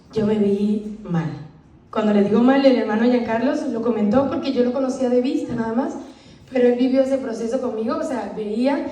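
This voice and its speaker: High-voiced woman, earnest church testimony. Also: dark tone. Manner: earnest, emotional storytelling. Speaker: church member giving testimony. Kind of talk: personal religious testimony. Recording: echoey room, voice from far off.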